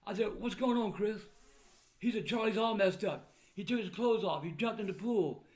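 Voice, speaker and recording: A man's voice: sits high, normal speed, darkish tone. An older man talking casually and bluntly to his viewers, with the plain manner of an old grandfather. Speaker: vlogger recounting family troubles. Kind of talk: casual personal talk to viewers.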